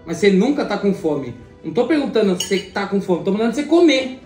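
A woman's voice: medium pitch, sing-song, fast talker, darkish tone, natural voice. A woman with a Brazilian Portuguese accent playing a domineering young husband in a web drama. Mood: bossy. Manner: domineering, commanding. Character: controlling, bullying young husband. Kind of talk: amateur web drama acting. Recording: echoey room from a distance, music behind.

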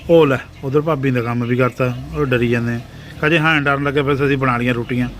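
A man's voice: medium pitch, steady tone, brisk, fairly bright tone, a little hiss or hum. A man with a Punjabi accent chatting casually as a family vlogger, teasing and exclaiming as he goes. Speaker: vlogger filming family cooking.

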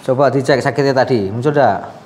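A man's voice: medium pitch, quick pace, darkish tone, a little hiss or hum. A man, a sports massage therapist talking casually and coaxing a patient while he works, often laughing.

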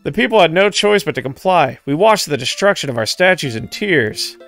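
A man's voice: on the high side, expressive, fairly quick, a bit bright, soft background music, voice pushed up. A man voicing an earnest male villager recounting history in a comic let's-play. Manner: raised, earnest storytelling tone.

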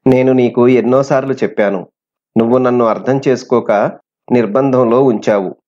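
A man's voice: mid-range voice, steady tone, moderate pace, a little mellow, lightly acted. A man voicing a defiant young captive princess who speaks with scorn, on a dull lo-fi recording.

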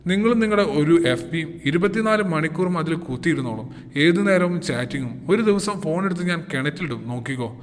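A man voicing a sharp-tongued wife who scolds her husband tartly. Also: a little high, expressive, quick pace, big-room sound, natural voice. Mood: scolding. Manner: scolding, tart.

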